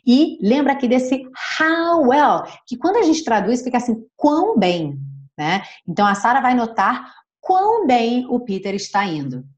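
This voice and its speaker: A woman English teacher, a Portuguese speaker, switching between slow, careful model sentences and quick explanations. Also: on the high side, very animated, muffled recording. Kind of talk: bilingual English lesson.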